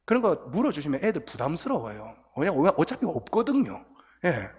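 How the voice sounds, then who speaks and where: A middle-aged man preaching a lively, story-filled sermon to teenagers, acting out scenes as he goes. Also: fairly high pitch, a little fast, breathy edge, muffled recording. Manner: animated storytelling, acts out crying and quotes. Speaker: guest pastor. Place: church sanctuary. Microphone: church sound system, recorded from booth. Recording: long church hall reverb.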